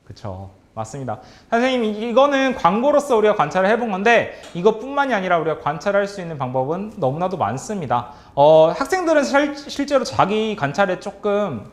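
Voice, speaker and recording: A man leading a workshop for teachers as a trainer, upbeat and animated, calling on the audience, praising their answers and chuckling often. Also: sits high, brisk, few pauses. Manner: chuckles often between remarks. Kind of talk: online workshop quiz for teachers.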